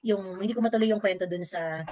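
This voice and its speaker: A woman's voice: mid-range voice, fast talker, darkish tone, slight background noise. A woman giving heated political commentary as a vlogger and livestreamer, sarcastic and mixing Filipino with English. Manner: mocks opponents by quoting them in exaggerated voices.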